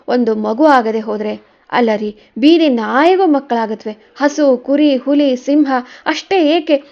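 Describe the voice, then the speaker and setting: A woman's voice: on the high side, darkish tone, muffled recording, lightly acted. A woman voicing a grieving young wife who pleads in tearful outbursts.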